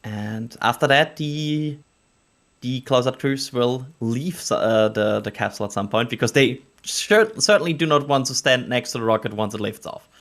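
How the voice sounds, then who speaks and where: A man's voice: medium pitch, lively intonation, moderate pace, hardly any pauses, a bit bright. A man hosting a livestream with casual, hesitant live launch commentary. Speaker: livestream host.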